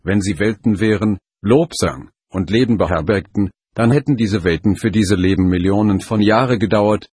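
A man reading an audiobook, voicing a wise old lama teacher who explains calmly. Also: lowish voice, moderate pace, few pauses, breathy edge, no echo, clean studio sound. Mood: calm teaching.

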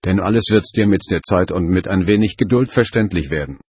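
A man voicing a calm, commanding, otherworldly being who speaks with measured authority. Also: low-pitched, slightly rough, dry recording.

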